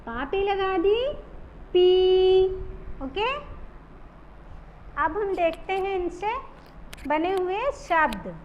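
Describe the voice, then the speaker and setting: High-voiced woman teacher drawing out words. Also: sing-song, highs cut off, a little hiss or hum. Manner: drawn-out, stressed pronunciation of example words. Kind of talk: children's phonics lesson.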